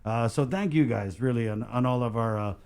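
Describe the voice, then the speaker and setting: A man's voice: medium pitch, a little fast, darkish tone. A man hosting a radio talk show, upbeat and joking, laughing along with his guests. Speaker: radio host.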